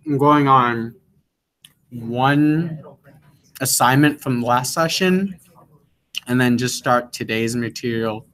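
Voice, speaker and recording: A young man instructing a classroom in a loose, chatty way. His voice sits at a middle pitch, and he peppers his talk with "um", "like" and "yeah, yeah". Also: slow, pauses often, a bit bright, low-quality recording. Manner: filler-heavy, repeats "yeah" often. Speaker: course instructor.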